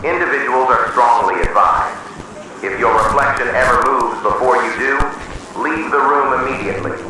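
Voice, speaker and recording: A man with a mid-range voice reads a scripted horror emergency announcement in a solemn, measured, official tone. It sounds like a distant, heavily echoing, noisy emergency broadcast.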